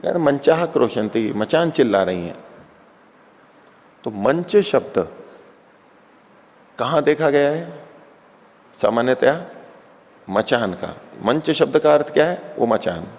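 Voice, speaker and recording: A man's voice: mid-range voice, gravelly, a little mellow, long reverb tail. A man giving an explanatory lecture on a philosophy text as a scripture teacher, patiently repeating and unpacking each term.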